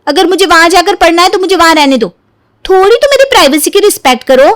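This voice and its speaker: A woman's voice: high-pitched, animated, brisk, no echo, studio quality. A woman voicing a touchy, defiant young woman who snaps and whines when she talks back. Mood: pleading. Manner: snappish, whiny, talks back.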